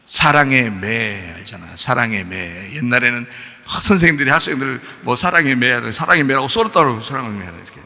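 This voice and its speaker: A male pastor preaches in a church, his voice gravelly and intensely forceful, with a long reverb trailing each phrase. He pushes listeners with pointed questions, then drops to a calm, explaining tone. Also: mid-range voice, brisk. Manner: exhorting, swings from shouted rebukes to soft explanation; addresses listeners directly with sharp questions. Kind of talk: sermon. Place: church sanctuary.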